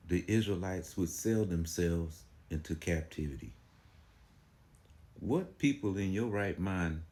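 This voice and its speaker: This man's voice is low and mellow as he gives casual, preachy commentary on religious teaching. He argues his points repetitively, leaning on fillers like "you know" and throwing out rhetorical questions.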